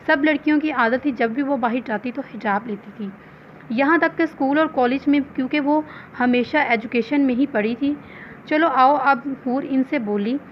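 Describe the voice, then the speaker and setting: High-voiced woman reading a novel aloud. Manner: steady storytelling. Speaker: narrator. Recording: slightly dull with faint hiss.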